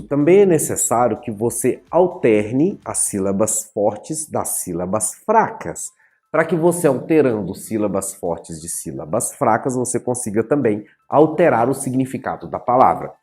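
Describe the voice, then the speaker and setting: A male teacher giving an animated writing and grammar lesson at a whiteboard, playfully addressing his students and stretching out key words as he explains. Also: mid-range voice. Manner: animated, playfully addresses viewers as "senhores, senhoras e senhoritos". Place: in front of a whiteboard.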